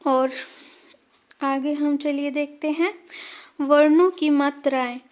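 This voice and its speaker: Woman teacher, exam-prep grammar lesson; slow, deliberate, points at examples as she goes. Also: high-pitched, darkish tone.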